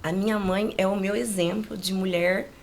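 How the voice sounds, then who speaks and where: With a steady, medium-pitched voice showing vocal fry, she talks at a normal speed over a slight hiss or hum. She's a woman in her late forties from rural Brazil, Brazilian-accented, casually relating personal stories as an interview guest and often adding tags to draw agreement.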